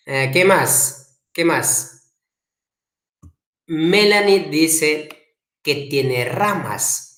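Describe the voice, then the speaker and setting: A man teaching an online language class, repeating his questions slowly and coaxing students to answer in the chat. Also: fairly high pitch, fairly bright tone. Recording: echoey room.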